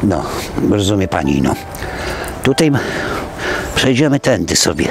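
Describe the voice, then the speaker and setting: A man's voice: deep voice, big pitch swings, measured pace, creaky, music in the background. An older man from Poland, chatting casually in an interview as he walks around a community center, rambling and breaking off mid-word. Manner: rambling, chatty, trailing off and restarting. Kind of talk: casual conversation.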